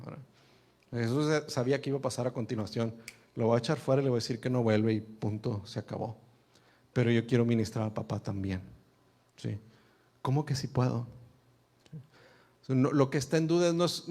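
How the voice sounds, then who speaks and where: A man preaching a sermon who reads a Bible passage and keeps checking in with listeners. He acts out the quoted pleas with emotion. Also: darkish tone. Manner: earnest, asks listeners "¿sí?" often; acts out the father's plea with rising pitch.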